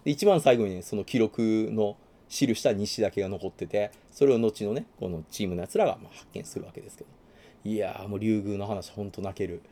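A man in casual chat recommending a manga, animated, acting out character lines in quick funny voices. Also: on the low side.

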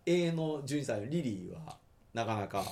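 A man's voice: mid-range voice, moderate pace. A man, chatting casually as a podcast co-host, laughing often and acting out quoted lines. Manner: animated, laughs often, slips into Kansai-style quoted lines. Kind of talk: casual chat about anime.

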